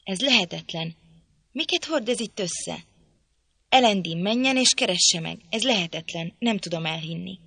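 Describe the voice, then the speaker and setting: A gentleman of the house in a storybook, urgent and commanding as he gives orders. The voice is gravelly and low, a woman reader putting him on. Close, dry sound. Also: no echo, exaggerated voice. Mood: disbelieving. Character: agitated gentleman, master of the house.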